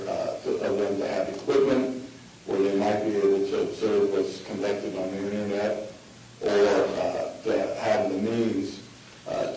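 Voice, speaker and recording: A man arguing as a lawyer in court, halting and hesitant, with very frequent uhs. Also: lowish voice, dark tone. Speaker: defense appeal lawyer. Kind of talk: oral argument in court. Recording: very echoey distant courtroom, faint noise.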